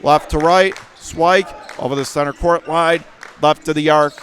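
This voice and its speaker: Live high school basketball play-by-play comes from a man with a Western New York accent on radio. His quick-fire calls climb into excited yelling at the key moments.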